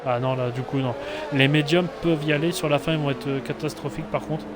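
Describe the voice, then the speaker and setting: A man acting as motorsport co-commentator, analysing a live race in halting, casual speech. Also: a little high, fairly even intonation. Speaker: esports sim racing co-commentator. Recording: loud engine noise throughout. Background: loud racing car noise.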